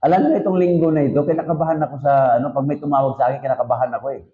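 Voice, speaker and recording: A man with a Filipino accent teaches his congregation like a pastor, peppering the lesson with joking asides and rhetorical questions. His voice sits a little high for a man. The recording is dull and lo-fi. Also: fairly even intonation, very fast. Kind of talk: sermon-style teaching to a congregation.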